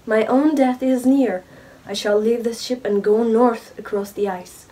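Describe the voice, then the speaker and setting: A young woman with a cold reading a remorseful male creature's lines slowly and carefully. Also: fairly high pitch, fairly even intonation, mellow, distant mic, lightly acted, rough recording. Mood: grim. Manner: slow, careful reading aloud. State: sick with a cold.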